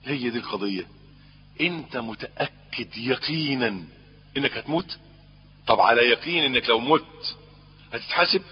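A man with an Egyptian accent preaching an Islamic sermon, putting questions to his listeners and swinging between emphatic peaks and low, quiet passages. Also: moderate pace, pauses often, slight background noise. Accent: Egyptian Arabic. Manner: lively, rising to emphatic peaks, then dropping low; asks the audience questions. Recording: husky voice, long hall reverb, dull lo-fi sound.

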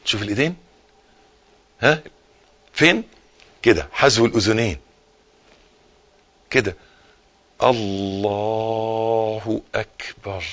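Egyptian guy giving a religion class on tv, sharp bright voice, repeats himself, goes loud then quiet. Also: husky, dull audio. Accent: Egyptian Arabic. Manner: repeats key phrases, swings from forceful emphasis to hushed low tones. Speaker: religious teacher. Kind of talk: live broadcast religious lesson.

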